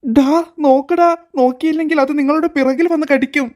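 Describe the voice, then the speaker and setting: ഒരു സ്ത്രീ അവതരിപ്പിക്കുന്ന കുട്ടികളെ നോക്കുന്ന പേടിച്ച അമ്മ, കാർട്ടൂൺ, ഉയർന്ന ശബ്ദം. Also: female voice, high voice, steady tone, fairly quick, darkish tone, natural voice. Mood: warning. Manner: pleading, fretful. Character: worried motherly woman caring for children. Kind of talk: cartoon voice acting.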